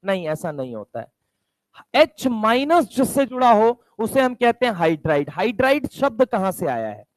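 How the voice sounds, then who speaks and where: A man's voice: high voice, very animated, normal speed, no echo. Man lecturing on chemistry, dry sound. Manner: asks and answers his own questions, repeats key terms; calls listeners "my brother". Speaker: chemistry teacher. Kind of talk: classroom lecture.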